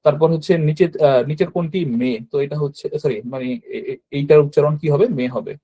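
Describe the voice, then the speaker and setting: A man teaching a language class over a video call, explaining quiz answers with frequent fillers and quick self-corrections. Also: a little high, mellow, muffled recording. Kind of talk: online class lesson.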